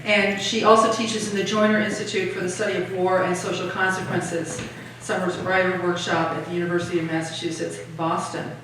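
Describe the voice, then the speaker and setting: A woman's voice: lowish voice, level tone, brisk, hardly any pauses, a bit bright, slight background noise. A woman host reading a prepared introduction of a guest speaker, with small fillers, in an art gallery. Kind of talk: read introduction. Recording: echoey gallery from far off.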